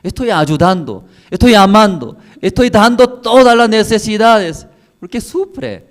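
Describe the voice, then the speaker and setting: A man's voice: high voice, animated, unhurried, voice pushed up. A male preacher voicing a loving but baffled husband who pleads with his weeping wife through repeated questions. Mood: pleading.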